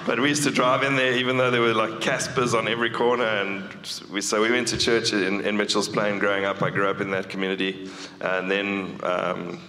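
A man's voice: on the low side, level tone, fairly quick, few pauses, pushed and bright, long reverb tail, a little hiss or hum. A South African man, a guest musician, telling stories in a casual onstage interview at a church, joking as he goes. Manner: joking, storytelling. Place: church hall.

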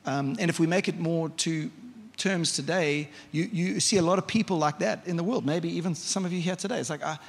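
A man's voice: a little high, a little fast, creaky. A man preaching a sermon in a church, conversational and vivid, often asking the congregation questions. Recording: long hall reverb.

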